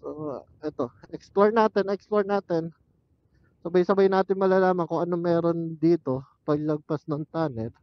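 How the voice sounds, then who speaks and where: A man on a motorcycle vlog speaks casually and thinks aloud as he rides mountain roads outdoors. His fairly high voice keeps a moderate pace, and the dry recording comes through muffled from the helmet intercom headset he uses as an external mic.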